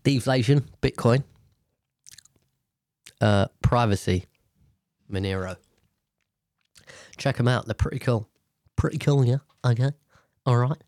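A man's voice: mid-range voice, takes it slowly, pauses often, a little mellow, no echo, studio quality. A British man hosting a casual, rambling commentary on the news in a nasal voice, congested from a sinus infection, blunt and sweary. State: blocked nose from sinus infection. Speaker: host.

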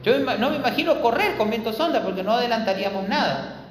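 Animated preacher in echoey hall. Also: mid-range voice, fast talker, a little hiss or hum. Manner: animated, repeats phrases for emphasis, addresses the congregation directly. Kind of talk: sermon. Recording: echoey hall with long reverb.

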